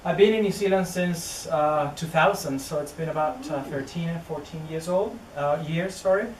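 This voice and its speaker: At a moderate pace and a high-leaning pitch, a hesitant Chilean researcher in his thirties, Spanish his first language, gives a public talk full of fillers and restarts. He speaks with a Chilean Spanish accent at an indoor venue near a greenhouse, recorded from afar in a noisy, roomy space.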